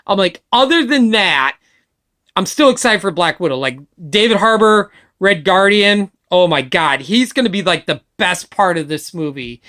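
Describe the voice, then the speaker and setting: An excitable woman chatting casually into a webcam or phone mic. Her voice sits at a middling pitch, and she gushes and swears freely as she talks. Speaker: vlogger. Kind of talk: casual opinion chat.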